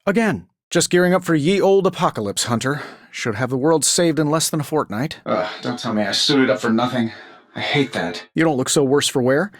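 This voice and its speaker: A man's voice: mid-range voice, expressive, fairly quick, close to an everyday voice. A man acting as a cocky, sarcastic billionaire inventor superhero in a video game, with wry, glib quips. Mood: confident, boastful. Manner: wry, glib, quippy delivery.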